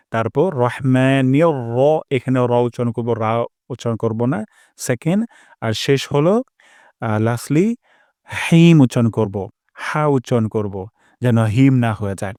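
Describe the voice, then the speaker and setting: A male teacher gives an online recitation lesson, calmly breaking words into single sounds and repeating them. His voice sits at a middle pitch. The sound is dry and close, with no room echo. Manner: patient, repeats sounds slowly for drill.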